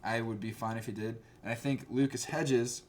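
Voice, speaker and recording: A man's voice: medium pitch, fairly even intonation, moderate pace, heavy background noise. A man hosting a casual movie review chat, rambling with fillers and acting out scenes. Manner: rambling, laughing, acts out scenes. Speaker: host.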